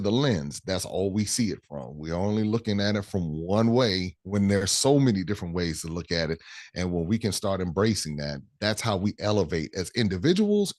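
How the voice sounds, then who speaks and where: An American man in his forties, a travel tour organizer, is a guest in a conversational interview. He speaks earnestly and emphatically, repeating phrases for stress, in a low voice. The recording is dry and studio quality.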